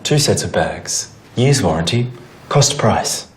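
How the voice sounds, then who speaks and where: A man's voice: lowish voice, expressive, slow, heavy background noise. An actor playing a boastful, cocky salesman. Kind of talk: period TV drama acting.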